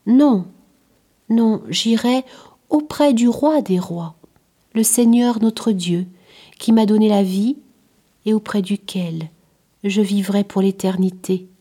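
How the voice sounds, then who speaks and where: A woman voicing a calm, devout old man in a storybook reading, speaking softly and tenderly. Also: mid-range voice, slow pace, long pauses.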